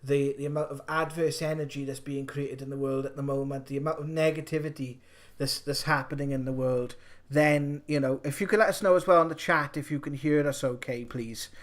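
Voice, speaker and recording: Male co-host, South Wales accent, slightly raised pitch, casual and halting live-stream delivery that leans on repetition. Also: steady tone.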